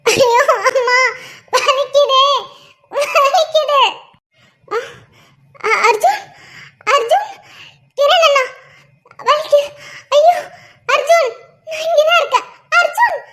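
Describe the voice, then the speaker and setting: A very high, tender pregnant cartoon wife. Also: female voice, fairly even intonation, normal speed, long pauses. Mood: pained. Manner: soft, coaxing talk to her unborn baby. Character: gentle young pregnant wife, tender and anxious. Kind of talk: cartoon voice acting.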